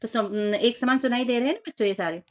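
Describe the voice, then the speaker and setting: A woman teacher working through a children's workbook, reading words slowly one by one and speaking directly to the children. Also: a little high, highs cut off.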